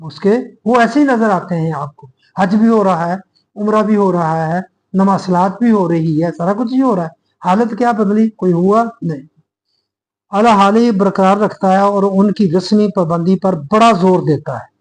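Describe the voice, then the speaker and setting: A man with a Pakistani Urdu accent delivering an earnest, explanatory sermon-style lecture, addressing listeners as brothers and pausing to restart his thoughts as he reasons aloud. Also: sits high, poor audio. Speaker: religious speaker.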